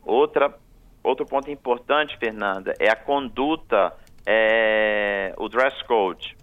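A man's voice: lowish voice, slow. A man, a guest on a radio talk show, giving firm, repetitive explanations of travel rules. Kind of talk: radio interview. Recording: tinny phone line on radio.

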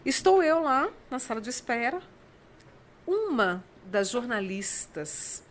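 A woman's voice: fairly high pitch, very animated, takes it slowly, slight background noise. A woman, a writer and radio chronicler, telling stories in a casual interview and acting out the dialogue in them. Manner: warm storytelling, acts out dialogue.

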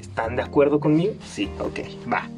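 A man's voice: a little high, animated, moderate pace, music in the background. A young man with a Mexican accent telling a funny family story in a casual podcast chat, laughing often and using lots of fillers. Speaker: podcast host.

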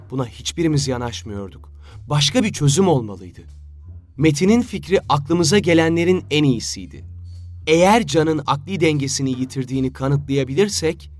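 A man narrating a story in a steady, storytelling manner. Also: fairly high pitch. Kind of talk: audiobook narration. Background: faint music.

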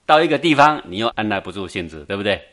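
A man giving a Buddhist dharma talk, telling a Zen tale in an animated way, chuckling and often checking that his listeners follow. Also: fairly low pitch, quick pace. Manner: animated, keeps asking the audience for agreement, chuckles often. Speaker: Buddhist teacher.

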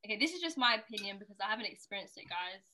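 A young woman casually explaining her opinion in a group discussion, softening it as she goes. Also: mid-range voice, lively intonation, racing. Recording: clearly noisy, with clicks.

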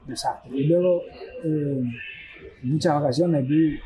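Over noisy background hiss, a man recounts his boxing story as a guest, voicing quotes loudly in a casual telling. His voice is a little high and dark-toned, and he talks a bit slowly.

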